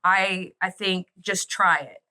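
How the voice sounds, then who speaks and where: A woman from Arkansas, a bakery owner, chatting as a guest in a casual interview, upbeat and quick to laugh. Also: on the low side, steady tone, bright, forceful tone. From Arkansas, USA.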